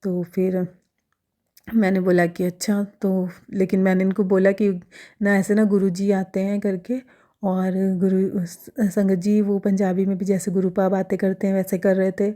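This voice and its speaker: A young woman sharing devotional experiences in casual talk, hesitant, with many fillers and pauses. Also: medium pitch, flat delivery, mellow.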